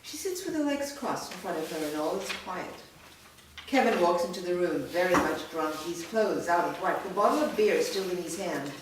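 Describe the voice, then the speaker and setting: The reader, a woman, works through the screenplay's stage directions aloud in a steady, matter-of-fact way for a staged reading. Her voice is on the low side and expressive, at a normal speed. Background noise is present, and she is recorded from far off in an echoey room.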